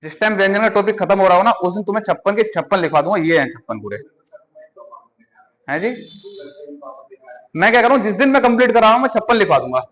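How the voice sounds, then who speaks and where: Male teacher, high voice, quizzes and repeats in a reverberant hall. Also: lively intonation, fast, long pauses, a bit bright. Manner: quizzing students, repeating answers. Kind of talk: classroom lecture.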